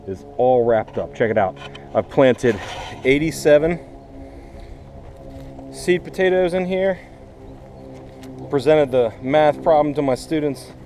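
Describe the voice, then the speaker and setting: This vlog host, a man who teaches and gardens, has a fairly high, warm voice, and the recording carries a slight hiss or hum. He chats casually to viewers, guiding them through the how-to step by step in a teacherly way.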